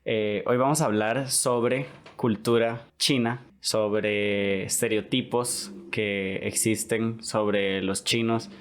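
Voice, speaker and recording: A man's voice: lowish voice, steady tone, takes it slowly, smooth. A young Costa Rican man hosting a casual podcast interview, chatty and peppering his talk with "¿verdad?". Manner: chatty, repeats "¿verdad?" often. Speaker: podcast host.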